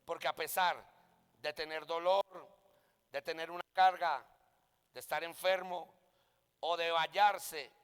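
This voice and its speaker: High-voiced fervent male preacher. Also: clean tone, long reverb tail. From Colombia. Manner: impassioned, rising to shouts on key points. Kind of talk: sermon with personal testimony.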